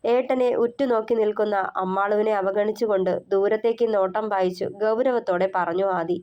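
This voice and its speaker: A woman author narrating her own novel in a steady storytelling voice. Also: mid-range voice, fairly quick, clear, resonant tone, lo-fi sound.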